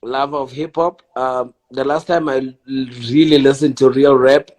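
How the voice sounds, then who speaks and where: A man joining a casual chat, loud and joking. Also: mid-range voice, fairly even intonation, moderate pace, poor audio.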